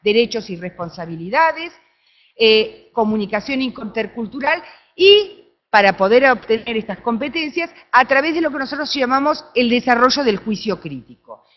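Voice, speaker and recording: At a conference, a woman with an Argentine Spanish accent gives an academic talk in a conference room. Her fairly high voice is animated, and she keeps checking in with the audience through quick tag questions, though the recording cuts off the highs.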